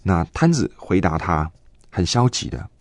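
A man in his twenties telling a personal faith story in an interview, earnest and halting, with many fillers and restarts. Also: deep voice, sing-song, darkish tone, no room sound, studio quality. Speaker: guest giving a faith testimony.

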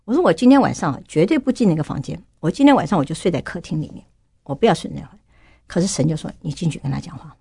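A woman's voice: deep voice, animated, creaky, warm tone, breathy edge, no room sound, clean studio sound. A middle-aged woman earnestly telling her personal faith testimony as a radio guest. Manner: quick, earnest storytelling.

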